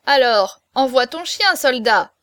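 A small, witty hunchback with a thin, shrill little voice, teasing his opponent without losing his calm , as a woman reader puts him on. The tone sits a little high, in a dry, close storybook recording. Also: measured pace, clear, resonant tone, no echo. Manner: easygoing, teasing.

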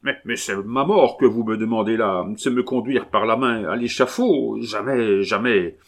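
A man's voice: on the low side, moderate pace, pitched above the performer's own voice. A man voicing a panicking middle-aged male murderer who stammers and pleads frantically. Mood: desperate.

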